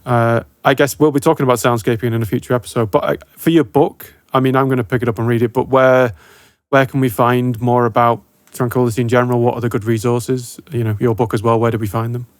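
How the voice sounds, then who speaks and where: A man's voice: medium pitch, level tone, fast talker, no echo. A male podcast host chatting informally in a mid-range voice. The recording is very dry, with hardly any room sound around him. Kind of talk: casual podcast chat.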